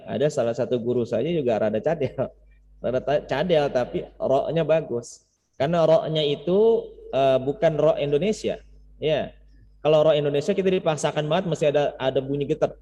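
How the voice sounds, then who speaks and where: This mellow, mid-range male voice belongs to a man teaching Quran recitation informally online, demonstrating by repeating words and syllables in chant. The Zoom class sound is reverberant and muffled.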